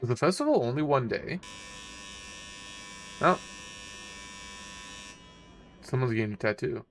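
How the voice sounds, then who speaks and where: A man's voice: medium pitch, lively intonation, a little slow, music in the background. A man giving casual video game commentary and reading text aloud as a let's play host.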